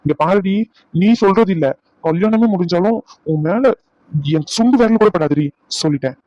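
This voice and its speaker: A man's voice: sits high, normal speed, dark tone, dry recording, close to an everyday voice. A man voicing a young male doctor who teases and scolds his bride-to-be in a dubbed serial drama. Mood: teasing. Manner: teasing, scolding banter. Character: young male doctor, teasing and bossy lover. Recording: dull dry recording.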